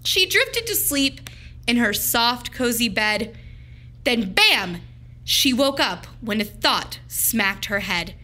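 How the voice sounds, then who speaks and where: Storytelling for young children, a woman teacher reads a picture book out loud, expressively and emphatically, in a deliberate way. Her pitch is on the high side.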